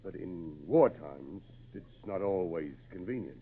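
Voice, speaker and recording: An actor playing a gruff, kindly old fisherman with salty, folksy talk in an old-time radio drama. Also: low-pitched, expressive, unhurried, exaggerated voice. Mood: calm, wary. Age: older. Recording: muffled, narrow-band old radio recording.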